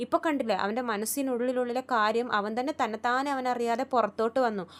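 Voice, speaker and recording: Rapid-fire woman recapping a serial. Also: fairly high pitch, fairly even intonation. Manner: rapid, chatty storytelling with frequent restarts. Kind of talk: casual retelling of a TV serial episode.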